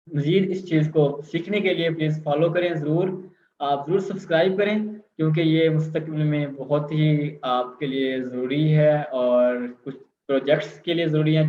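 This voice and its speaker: A man's voice: a little high, darkish tone, a little hiss or hum. Male teacher, step-by-step explainer, dull echoey room recording. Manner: explains step by step, drawing out example words slowly. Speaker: language teacher. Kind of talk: video language lesson.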